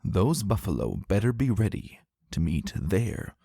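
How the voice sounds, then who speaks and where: This narrator's voice is fairly low and slightly rough, with vocal fry and an unhurried delivery, recorded cleanly at studio quality with no echo. He reads a fan fiction story in a theatrical, expressive way over background music.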